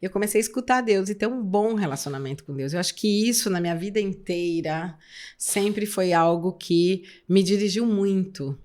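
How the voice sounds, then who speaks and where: Lively Brazilian woman telling her story. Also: mid-range voice, normal speed. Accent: Brazilian Portuguese. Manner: lively, acts out the people in her stories. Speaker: church leader. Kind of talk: personal storytelling in an interview.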